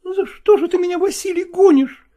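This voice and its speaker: A man's voice: moderate pace, warm tone. A man reading an audiobook, voicing a young actress who is jealous and clingy, pleading and reproachful through tears. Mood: tearful reproach. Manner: high, pleading and reproachful, tearful.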